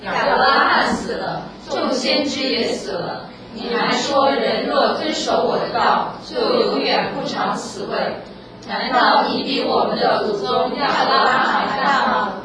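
A woman from the congregation reading scripture aloud, slow and measured. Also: high-pitched. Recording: echoey hall from far off, crowd behind.

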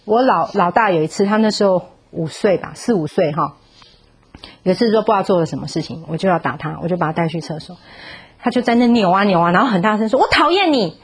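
Low-pitched woman, husky tone, firm and earnest parenting teacher. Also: fast talker. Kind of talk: parenting class talk.

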